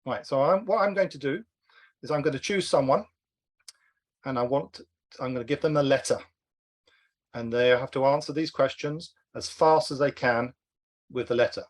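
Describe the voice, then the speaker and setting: A man guides a group through a word game on a video call. His talk is brisk and encouraging, and he keeps nudging the players to answer quickly. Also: medium pitch. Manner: brisk, encouraging, urges speed. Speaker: online workshop host.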